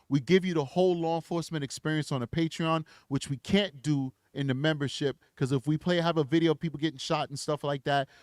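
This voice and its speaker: Guy hosting a true crime stream, kinda high voice, fired up then chatty, dry mic. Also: no room sound. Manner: preachy, emphatic, then chatty plugs. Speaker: true crime livestream host. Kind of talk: impassioned livestream outro. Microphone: desk microphone.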